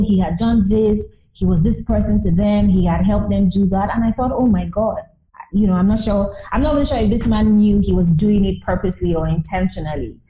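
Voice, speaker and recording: A woman in her thirties gives a reflective, earnest interview, stressing her ideas by returning to them again and again. She has a warm, mid-range voice. The recording has an echoing, roomy quality.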